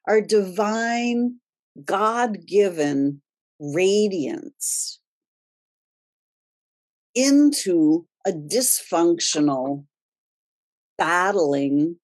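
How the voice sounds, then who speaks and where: Slow, slightly husky woman host. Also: mid-range voice, a little mellow. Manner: deliberate, with pauses for emphasis. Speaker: host of a wellness radio show. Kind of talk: spiritual self-help talk to listeners.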